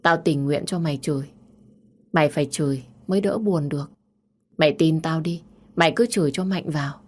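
A woman voicing a young woman who consoles her best friend in a warm, coaxing way. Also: deep voice, brisk. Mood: comforting.

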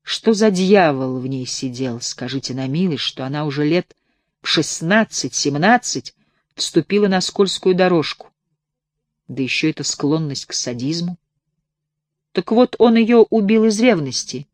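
A woman's voice: low voice, animated, unhurried, dry recording, studio quality. A woman reading the part of an uneasy landowner who tells a grim village tale in a hesitant, confiding way.

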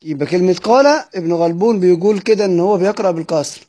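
A man with an Egyptian Arabic accent teaches Quran recitation rules from a classical text. He repeats phrases slowly, asks questions and answers them himself, and clears his throat often. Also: sits high, mellow. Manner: repeats words slowly, drawn out for emphasis.

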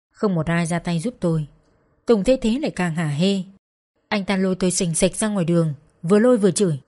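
A woman narrating a first-person audio story in a plain, steady manner. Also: medium pitch.

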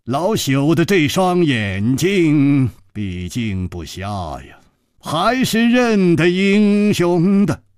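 A man putting on a slow, shrewd old swordsman. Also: a little high, very animated, a little mellow, clean tone, dry recording, studio quality, voice pushed up. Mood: shrewd, knowing. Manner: slow, measured, drawn-out speech. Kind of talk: traditional storytelling.

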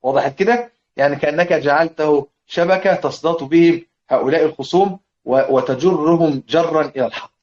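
A man with an Egyptian Arabic accent teaching a classical poem, checking often that his students follow and chanting verses slowly. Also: on the high side, a little mellow. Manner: checks understanding with repeated questions; chants verses slowly, lists points deliberately. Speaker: Quran recitation teacher. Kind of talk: explanatory lesson on classical poem. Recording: dull lo-fi lecture recording.

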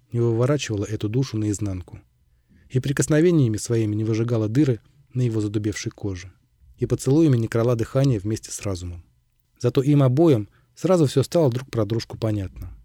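Audiobook narrator, male, calm and measured, very dark mellow tone, dry close recording. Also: mid-range voice, no room sound.

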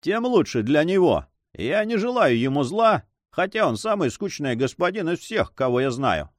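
Ironic young nobleman, voiced by a male narrator, bantering and lively, storybook hero. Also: a little high, moderate pace, no room sound, studio quality. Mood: teasing. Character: teasing, carefree young nobleman, Don Sancho.

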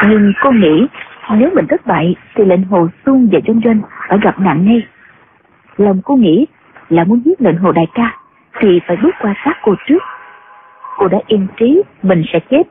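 A woman narrating a martial-arts novel in a steady storytelling voice. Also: medium pitch, very noisy. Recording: tinny phone-like sound with loud music.

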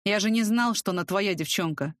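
A woman's voice: mid-range voice, fairly quick, no room sound, clean studio sound, lightly acted. A woman reading an audiobook, voicing a burly, crude young thug who talks bluntly. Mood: sullen. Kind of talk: audiobook character voice.

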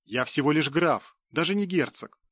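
A man's voice: fairly high pitch, animated, moderate pace, fairly bright tone, dry recording, clean studio sound, pitched above the performer's own voice. A man reading an audiobook voices an arrogant young nobleman who sneers and dismisses others. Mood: sneering defiance.

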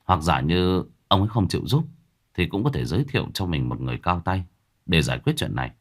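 A man's voice: low-pitched, big pitch swings, fast talker. A man voicing a worried young man in a ghost story, speaking anxiously but with determination.

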